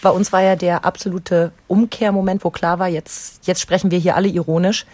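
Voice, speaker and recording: A woman's voice: on the low side, steady tone, fairly quick, darkish tone, no echo. Woman, casual chat, self-mocking, laughing, dry close recording.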